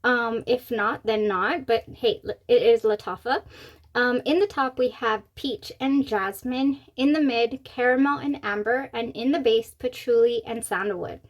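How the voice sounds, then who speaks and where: Woman, fairly high voice, casual review vlogger, giddy and gushing, talking with a swollen mouth after wisdom teeth removal. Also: unhurried. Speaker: fragrance review channel host. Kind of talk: casual chatty product review to camera.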